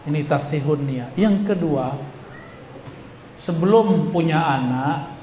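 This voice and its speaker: A man preaching to a live audience in a somewhat high voice, chatty and teasing, often putting questions to the crowd. His voice rings through a big echoey hall with a long reverb tail. A faint murmur of room sound stays underneath. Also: expressive, takes it slowly, mellow, slight background noise. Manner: conversational, questions and jokes with the audience. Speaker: Islamic preacher. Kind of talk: religious lecture to a live audience.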